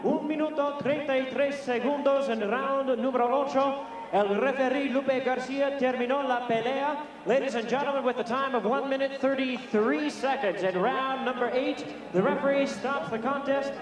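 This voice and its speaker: A man working as a ring announcer, formally declaiming a fight result in the drawn-out manner of a lucha libre announcer. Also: very high-pitched, fairly even intonation. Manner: declamatory, stretching out the winner's name. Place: in the ring at an open bullring. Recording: echoing arena public-address sound.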